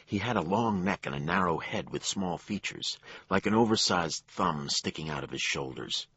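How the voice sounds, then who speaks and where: A man narrating a crime thriller audiobook in a measured storytelling voice. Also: lively intonation, pushed and bright, slightly rough, dry recording, dull audio. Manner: low, measured storytelling with acted dialogue.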